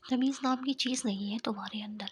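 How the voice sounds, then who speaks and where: A woman's voice: on the high side, fairly even intonation, slight background noise, lightly acted. A woman voicing a curt, hot-tempered young male boss in a whispered role-play of a novel reading. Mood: stern. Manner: curt, commanding.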